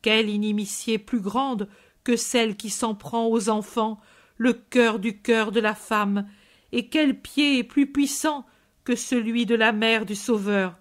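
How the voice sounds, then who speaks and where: A woman's voice: fairly high pitch, a little slow, natural voice. A woman voicing a compassionate male preacher giving a solemn, exhorting sermon.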